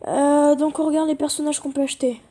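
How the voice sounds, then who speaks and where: A woman giving casual, excitable gameplay commentary, chatting with her viewers and swearing casually. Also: high voice, a little fast. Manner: talks directly to viewers. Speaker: gaming video creator.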